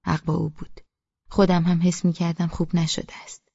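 Woman, audiobook narrator, mellow low voice, husky, first-person storytelling. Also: flat delivery, no echo, lo-fi sound.

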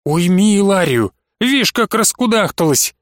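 A man's voice: high-pitched, big pitch swings, a little slow, no room sound, studio quality. A man voicing a firm admonishing matron. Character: elder matron of a almshouse, woman, admonishing.

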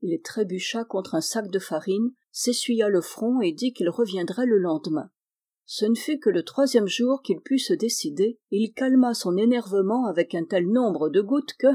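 A woman narrating a literary novel in a measured, expressive reading. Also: medium pitch, slightly rough. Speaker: audiobook reader.

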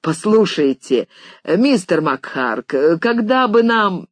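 A reader voicing a flustered young male writer who stammers and talks too loud in an audiobook. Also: medium pitch, big pitch swings, slow, no room sound, clean studio sound, voice pushed up. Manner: stammering, overeager, shouting.

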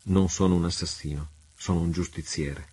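A man's voice: low-pitched, fairly even intonation, moderate pace, dark tone, breathy edge. A man voicing a proud, fiery pirate chief who speaks with defiance. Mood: passionate.

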